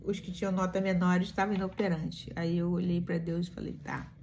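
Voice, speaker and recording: A woman's voice: fairly low pitch, level tone, a little fast, darkish tone, slight background noise. A woman giving a morning devotional reflection, telling stories and asking the listeners rhetorical questions. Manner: emphatic storytelling with rhetorical questions.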